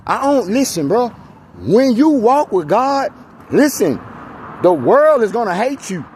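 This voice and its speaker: An American man vlogging as he walks down a street, exasperated, venting and preaching in casual, emphatic, repetitive talk. His voice is extremely high with big pitch swings, a measured pace, and a slightly mellow quality. The handheld outdoor recording picks up street noise.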